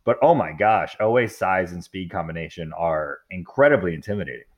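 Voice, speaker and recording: A man's voice: deep voice, lively intonation, a little fast, lo-fi sound. A man hosting a casual sports podcast, laid-back and chuckling as he talks. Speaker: podcast host.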